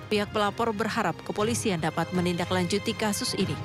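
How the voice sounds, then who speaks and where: A woman narrating a news report as a field reporter, in a steady, formal voice-over. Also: medium pitch, fast talker, over music.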